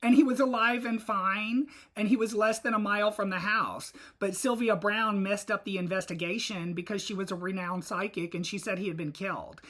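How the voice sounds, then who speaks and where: A woman's voice: medium pitch, fairly even intonation, normal speed, few pauses, fairly bright tone. A woman hosting a casual solo podcast, chatty and rambling, with frequent fillers. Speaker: podcast host.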